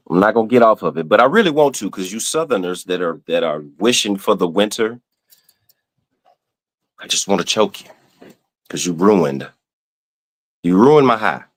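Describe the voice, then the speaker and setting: A Southern US man with a low, deep voice rants casually on his podcast. His pitch swings widely as he complains, playfully exasperated and swearing freely. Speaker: podcast host. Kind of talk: casual ranting monologue.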